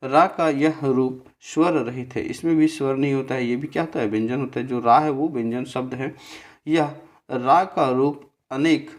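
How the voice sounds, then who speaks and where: Speaking at a medium pitch in a steady tone, a man walks his listeners through a grammar lesson on a slide one step at a time. He goes slowly and repeats himself, often asking "theek hai" to check in, and he sounds out syllables carefully.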